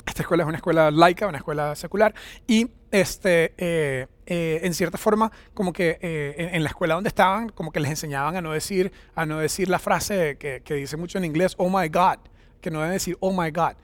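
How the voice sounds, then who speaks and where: A man's voice: fairly high pitch, fairly quick, no room sound. A man in his thirties preaching a sermon in a conversational, storytelling way, often checking in with his listeners. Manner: conversational, anecdotal, frequent "¿verdad?" tag questions. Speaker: pastor.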